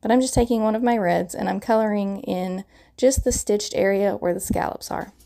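A woman's voice: mid-range voice, moderate pace, gravelly, warm tone. A woman in her thirties with a crackly morning voice, chattily narrating a card-making tutorial voiceover and explaining each step.

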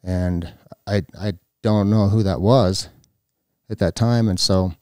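Give me a low, dark-voiced man recounting his past in a halting way, close and dry. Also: fairly even intonation, clean tone, no room sound. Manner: halting, with many restarts and fillers. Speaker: guest. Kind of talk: personal storytelling. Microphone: podcast mic.

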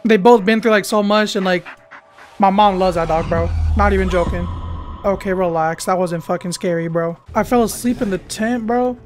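A man doing casual, loud, joking let's-play commentary as a gaming YouTuber, swearing freely. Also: high voice, normal speed, faint music behind.

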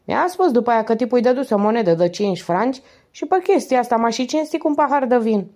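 A woman reading aloud and voicing a hoarse, tipsy market woman who speaks bluntly and emphatically. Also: a little high, darkish tone, pitched above the performer's own voice, natural voice.

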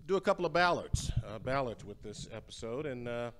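A man's voice: medium pitch, expressive, a little fast, background noise. An older man hosting a home music show, chatting casually between songs with many fillers and repeated words, filmed from across a large indoor entryway. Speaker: show host and singer. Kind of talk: casual spoken introductions between sung ballads. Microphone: far camera, standing at a music stand.

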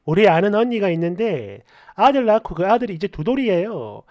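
A woman narrator reads online posts and comments aloud, scolding and sarcastic as she goes. Her pitch is mid-range but moves a lot and animatedly. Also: big pitch swings, a little fast, darkish tone.

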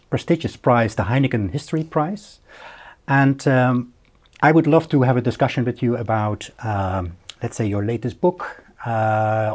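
A middle-aged man hosting an academic conversation, asking questions with many fillers and restarts in a bright office lounge. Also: mid-range voice. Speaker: interviewer, historian.

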